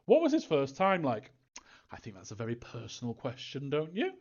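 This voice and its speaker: His mid-range voice swoops wildly in pitch at a moderate pace as this game developer reads fan questions aloud. He answers casually, with hesitation and chuckles, avoiding story specifics, over dull, lo-fi audio.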